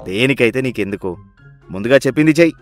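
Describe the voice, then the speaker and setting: A man's voice: medium pitch, lively intonation, quick pace, soft background music, lightly acted. A man playing a sarcastic stingy rich miser. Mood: bossy. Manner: sarcastic, scolding, impatient. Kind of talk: storybook voice acting.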